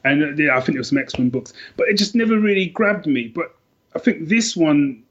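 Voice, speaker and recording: The middle-aged British man here has a slightly high, fairly bright voice with lively intonation and a fairly quick delivery. As a guest on a podcast, he chats reflectively about favourite books, frequently rephrasing and repeating as his thoughts form, on dull lo-fi audio.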